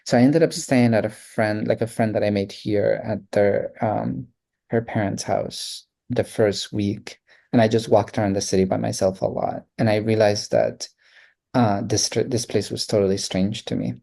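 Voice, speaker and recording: This Colombian man in his thirties, a guest artist with a Colombian accent, reflects aloud in a casual interview, full of fillers and restarts. His voice is lowish, creaky and mellow, at a moderate pace.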